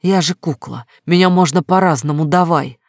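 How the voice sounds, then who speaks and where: A man's voice: a little high, moderate pace, dry recording, studio quality. A man voicing a desperate, defiant young woman lover in an audiobook, pleading and provocative.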